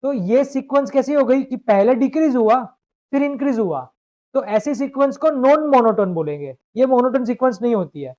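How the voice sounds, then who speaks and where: A high-pitched man works through a math problem in a live online class, checking step by step that his students follow. The sound is dull and lo-fi, like a compressed stream. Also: animated, brisk, mellow. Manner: explains step by step, asks students to confirm. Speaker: math teacher.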